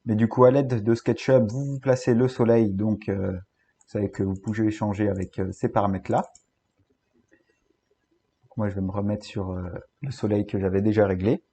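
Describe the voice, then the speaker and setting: A man with a French accent giving a screen-recorded software tutorial, talking hesitantly with many fillers and restarts. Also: fairly low pitch, little pitch movement, normal speed, slightly rough.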